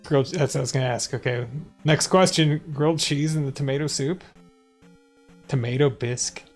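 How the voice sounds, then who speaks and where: Male stream host, mid pitch, laid-back and chatty, soft game music underneath. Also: brisk. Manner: relaxed, chatty, laughs easily. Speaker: restream host. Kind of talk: casual race commentary chat.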